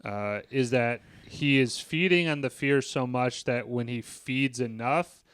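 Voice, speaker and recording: A male podcast co-host in casual chat who keeps cutting in to correct and add his own view. His voice is smooth and clear, recorded close and dry. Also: medium pitch, a bit bright, no room sound. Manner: chatty, quick to interject and correct. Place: podcast studio.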